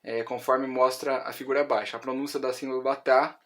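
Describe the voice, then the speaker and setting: A man's voice: mid-range voice, level tone, a little fast, fairly bright tone. A man with a Brazilian Portuguese accent, explaining music theory in an online lesson, with many fillers and restarts.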